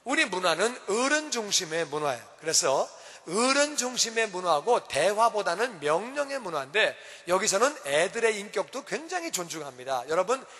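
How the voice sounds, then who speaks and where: A man preaching a sermon as pastor in a church, animated and acting out scenes. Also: sits high, moderate pace. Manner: animated, acts out parents shouting at children. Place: church sanctuary. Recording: church hall reverb.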